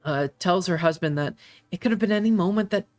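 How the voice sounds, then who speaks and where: A game master narrating a tabletop game in a hesitant way, with many pauses and fillers. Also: medium pitch, soft background music.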